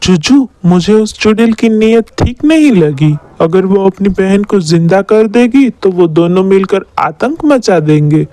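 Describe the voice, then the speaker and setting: A worried young village boy pleads anxiously, close and dry, as a woman acts him out. His plain cartoon voice stays steady and earnest. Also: mid-range voice, a little slow, hardly any pauses, no room sound, close to an everyday voice.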